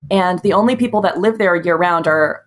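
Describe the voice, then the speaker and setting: Relaxed woman guest from Massachusetts. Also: on the low side, fairly quick. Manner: relaxed, frank, lots of likes and ums. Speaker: podcast guest. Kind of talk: casual chat.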